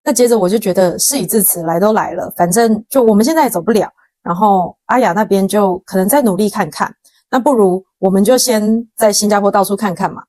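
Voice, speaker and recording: On her podcast, a young Taiwanese host speaks at a medium pitch and a fast clip, her Taiwanese Mandarin accent clearly audible. The close mic gives a dry sound with no room noise, and she retells a story casually and dramatically, voicing other people's lines with quoted dialogue and slang.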